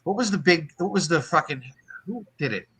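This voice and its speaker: A man talks hockey on a podcast with a bright, slightly high voice. He rambles through opinions, restarting sentences and cursing freely. The tone is loose, casual chat between friends. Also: animated, brisk, husky, low-quality recording. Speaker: podcast co-host.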